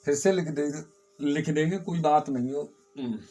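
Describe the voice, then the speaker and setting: A man's voice: on the high side, normal speed, warm tone. A male teacher giving a classroom grammar lesson, explaining step by step and repeating key words, often asking the class a question and answering it himself.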